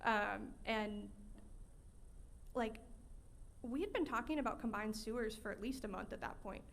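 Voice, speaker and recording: A woman's voice: on the high side, measured pace, creaky, a bit bright, a little hiss or hum. A woman who co-hosts a podcast and does its sound design, talking in a chatty way and laughing often at a live event. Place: live audience event indoors.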